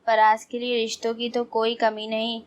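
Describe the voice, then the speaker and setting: A proud middle-aged mother who boasts and tries to take command, voiced by a woman narrating a storybook. The delivery is slightly high and narrow in melody. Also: monotone, close to an everyday voice. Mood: boastful.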